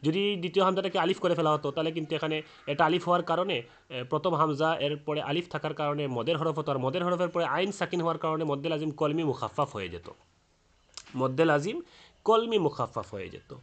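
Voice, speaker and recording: A man with a fairly high-pitched voice teaches the rules of Quran recitation. He goes slowly, uses frequent hesitant fillers, and chants example words aloud.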